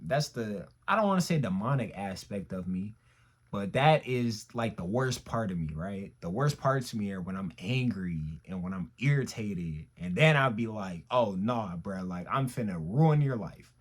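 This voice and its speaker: A young man vlogging, telling a personal story in slangy, emphatic talk that swings between loud outbursts and quiet asides. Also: fairly low pitch, lively intonation, moderate pace, slightly rough. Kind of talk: casual storytelling monologue.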